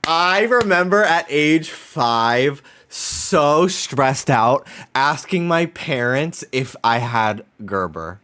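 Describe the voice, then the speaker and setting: A man's voice: a little high, expressive, slow, hardly any pauses, bright, forceful tone, clear, resonant tone. A man in his late twenties giving casual, candid reaction commentary with informal, profane phrasing. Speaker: host reacting to old commercials.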